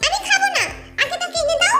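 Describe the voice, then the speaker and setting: A woman's voice: very high-pitched, fast talker, loud music behind the voice, pitched above the performer's own voice. A woman voicing a playful, dreamy young wife who pleads stubbornly. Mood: pleading.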